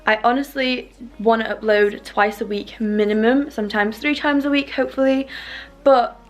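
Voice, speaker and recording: A woman's voice: fairly high pitch, fairly even intonation, moderate pace. A young woman talking casually and chattily like a fitness vlogger, rambling a little and repeating words for emphasis. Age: young adult. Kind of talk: casual chatty vlog and workout voiceover.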